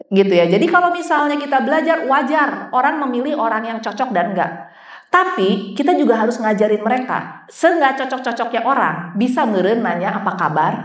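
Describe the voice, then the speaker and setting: High-voiced woman giving a seminar talk. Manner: animated, jokey, acts out quotes. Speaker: psychologist speaker. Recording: echoey room, mic somewhat distant.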